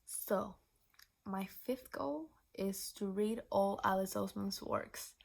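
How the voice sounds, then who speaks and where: Gravelly chatty young woman vlogger. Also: mid-range voice, slow. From Venezuela. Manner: chatty, rambling with frequent restarts and asides; drops into breathy whispers for asides. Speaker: book vlogger. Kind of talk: casual chat.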